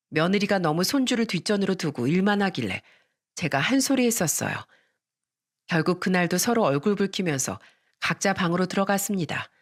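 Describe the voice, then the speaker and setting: A woman narrating a dramatic first-person family story as an aggrieved grandmother, in a confiding tone. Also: on the low side.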